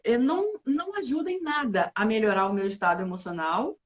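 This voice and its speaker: A woman psychologist with a fairly high voice explains emotional health in an easy, conversational way. She keeps checking in with her listener and briefly acts out everyday complaints to make her point. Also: fairly quick.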